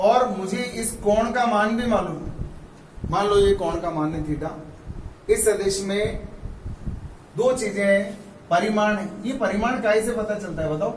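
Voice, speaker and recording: A man with a high voice explains physics to his students, urging them again and again to look closely. He sits back from the mic in a room that rings with echo, and a faint room hum runs under him. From India. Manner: coaxing, repeats "see" and "look carefully". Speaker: physics teacher. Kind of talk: classroom lecture. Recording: roomy echo, mic at a distance.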